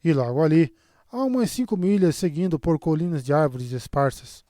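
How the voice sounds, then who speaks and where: Mellow Brazilian man narrating an audiobook. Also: on the high side, lively intonation, moderate pace, dry recording, clean studio sound. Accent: Brazilian Portuguese.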